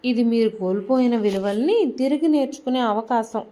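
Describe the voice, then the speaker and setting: A woman voicing a wronged wife who speaks calmly and firmly. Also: a little high, moderate pace, lightly acted. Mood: steady, stern. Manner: calm, steady, quietly stern. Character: wronged wife, now composed and firm.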